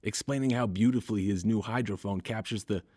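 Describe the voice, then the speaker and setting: A man's voice: on the low side, a little fast, a little mellow, no room sound. A man hosting a podcast, reading scripted narration in a wry, conversational way. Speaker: podcast host.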